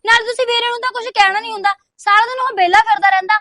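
A woman playing a sassy, high, bright young woman. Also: fast, no room sound, clean studio sound. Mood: complaining. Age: young adult. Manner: sassy, argumentative. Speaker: teenage daughter. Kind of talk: short film dialogue.

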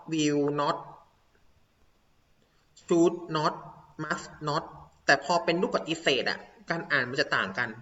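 Thai man teaching English grammar online, slow. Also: fairly high pitch, bright, forceful tone. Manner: explains step by step, repeating words slowly. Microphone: video call. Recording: dull lo-fi online class audio.

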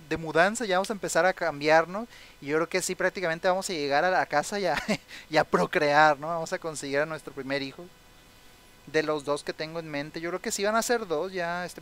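A man's voice: fairly high pitch, a bit bright, a little hiss or hum, poor audio. A young man casually commenting on his own gameplay. He chats along, reads the game's text aloud and often breaks into sympathetic exclamations. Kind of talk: casual let's-play commentary.

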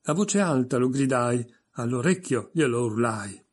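A man's voice: mid-range voice, expressive, unhurried, breathy edge. A man reading an audiobook voices a pompous, stern egg creature reciting verse.

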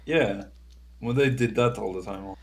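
A man chatting in a relaxed, easygoing way during a co-op game session. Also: fairly low pitch, a little slow. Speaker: gamer in a co-op session. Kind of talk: casual gameplay chat.

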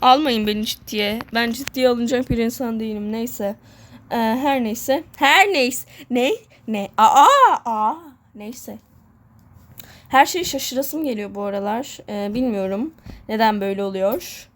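A woman's voice: a little high, moderate pace. A woman chatting casually while playing a game, rambling, joking about herself and repeating the same words over and over. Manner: jokey and self-mocking. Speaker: gamer vlogger. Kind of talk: casual let's-play chatter.

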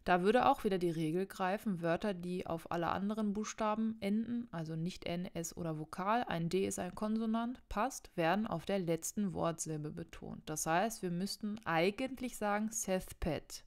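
With a medium-pitched voice and a moderate pace that barely pauses, a young woman gives a relaxed online Spanish lesson. She chats directly to the viewer and fixes her own mistakes along the way.

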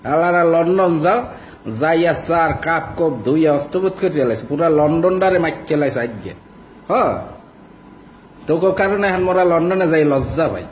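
Vlogger, young male, Barishal Bengali accent, slightly raised pitch, insulting, mocking rant with faint background noise. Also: lively intonation, normal speed, low-quality recording. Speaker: social media vlogger. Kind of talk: ranting monologue.

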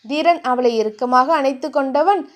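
Lady narrating a love story novel, high voice, steady reading. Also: moderate pace.

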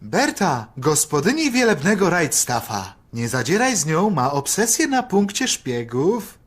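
A gossipy small-town pharmacist from a cartoon. His talk is friendly and bouncy, and his pitch runs high and swings widely as he chatters about the locals. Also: sing-song, measured pace, husky, full character voice. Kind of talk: cartoon dub acting.

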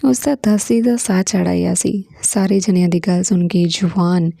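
A woman narrating a scripted story in a steady, measured way. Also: fairly low pitch, gravelly, no echo, studio quality.

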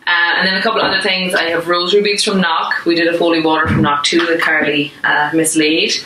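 A woman's voice: lowish voice, level tone, a little fast, background noise. A woman in her thirties with an Irish accent, chatting informally through a home cooking demo and talking to her toddler between explanations. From Ireland. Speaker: chef. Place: home dining room, indoors. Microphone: camera across the table. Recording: echoey room from a distance.

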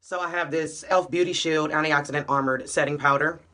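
A young beauty vlogger with a low, steady, brisk and sharp voice chats casually in upbeat slang, holding her phone camera close. She starts in a small room at home, then moves to a city street and a gym, with slight background noise throughout.

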